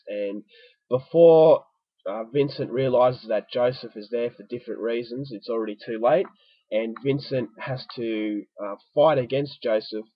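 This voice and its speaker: A man with a stuffy, congested voice reviews a film in a casual, chatty way, doubling words for emphasis. His voice is mid-range with a breathy edge, captured in a dull, dry lo-fi home recording.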